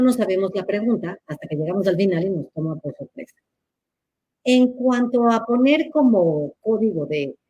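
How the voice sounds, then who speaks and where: A woman's voice: medium pitch, mellow, husky, dry recording. A woman answers audience questions in a live chat, teacherly and playful, laughing at her own examples.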